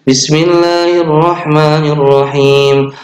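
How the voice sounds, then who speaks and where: A young man with an Indonesian accent teaching an online class to children. He talks slowly and patiently, with fillers and small self-corrections, and chants the opening prayer. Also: fairly high pitch, little pitch movement. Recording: echoey room.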